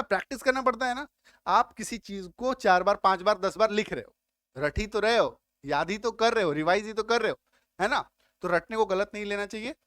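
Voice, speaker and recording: A man's voice: high-pitched, a bit bright, dry recording, clean studio sound. A male teacher giving a spelling lesson. He spells words letter by letter, sounds them out again and again, and keeps asking whether his students follow. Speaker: English teacher. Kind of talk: classroom-style spelling lesson.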